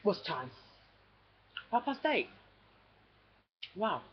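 A woman's voice: medium pitch, very animated, very slow, a little hiss or hum. A woman chatting casually at home and cooing fondly at her pets. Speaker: pet owner filming at home. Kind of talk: casual home video chat. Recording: dull lo-fi home video.

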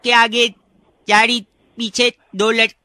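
A man's voice: extremely high pitch, flat delivery, slow pace, bright, forceful tone, no echo. A man on a prank phone call who breaks off his words partway, as if the connection is cutting out. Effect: bad connection, speech cutting out. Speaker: prank caller.

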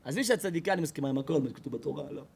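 A man, a rabbi, giving an animated Torah class to an audience, telling stories and acting out the people in them. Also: creaky, slight background noise. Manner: expressive storyteller, acts out quoted people with loud high shouts. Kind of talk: animated sermon.

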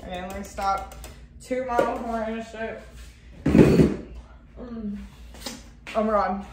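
A young woman talking casually through a cooking tutorial in her apartment kitchen, excitable and chatty, full of "like" and "oh my God," picked up by a camera mic across the room. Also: on the high side, slow. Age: young adult. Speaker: cooking vlogger. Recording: echoey room, faint noise.

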